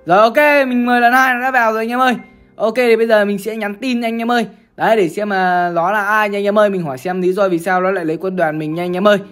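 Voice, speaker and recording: A woman talks her viewers through a game in casual, chatty commentary. She speaks at a rapid clip and keeps calling out to the audience. Faint music plays softly underneath. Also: medium pitch, fairly even intonation. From Bắc Giang, Vietnam. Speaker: gaming streamer.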